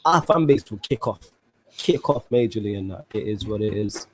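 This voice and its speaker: A man's voice: lowish voice, animated, normal speed, a little hiss or hum. A man hosts a football podcast in a London roadman accent. His delivery is loose street talk, thick with slang, in the casual manner of chatting with friends. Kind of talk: casual chat.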